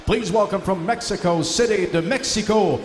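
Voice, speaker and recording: A man's voice: high-pitched, normal speed. A man working as a boxing ring announcer, formally introducing fighters in French and English and stretching out names. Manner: bilingual, switching between French and English. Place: large indoor boxing arena, over the PA. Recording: echoey arena sound with faint noise.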